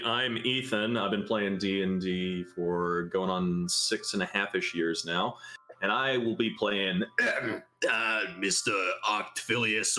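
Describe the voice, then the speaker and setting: A man's voice: on the low side, sharp tone, low-quality recording. A man chatting as a player in a tabletop game, joking, laughing often and rambling on. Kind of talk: casual tabletop game chat.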